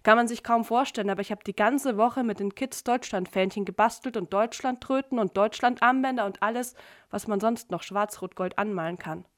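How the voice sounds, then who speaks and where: A woman's voice: mid-range voice, fairly quick, lightly acted. A woman reading aloud, voicing a brash, tipsy young kindergarten worker who chatters and teases. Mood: tipsy, chatty.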